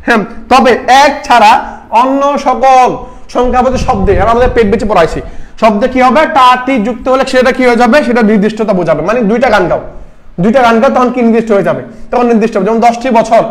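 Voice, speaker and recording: A young-sounding man runs an exam-prep lesson at a fast clip. He fires questions at his students, answers them himself and repeats the key point. The talk is loose and casual, like a tutor among his own pupils. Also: very high-pitched. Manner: sings short song lines to make a point. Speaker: admission test tutor.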